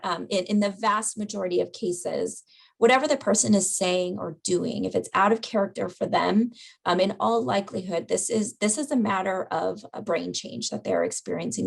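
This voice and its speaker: Woman teaching a caregiver webinar, raspy creaky voice, lots of ums and right?s. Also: medium pitch. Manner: conversational, frequent "right?" and "um". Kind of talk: webinar presentation.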